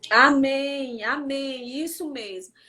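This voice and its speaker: A woman's voice: sits high, slow pace, pushed and bright. A woman preaching fervently in a prayer livestream, calling her listeners "dear". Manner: fervent, addresses listeners as "querido".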